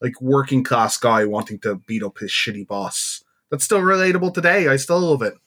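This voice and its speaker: A man's voice: normal speed, fairly bright tone. Casual, swearing podcast man. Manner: swears, acts out quotes in high voices. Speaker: podcast co-host. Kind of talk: casual chat.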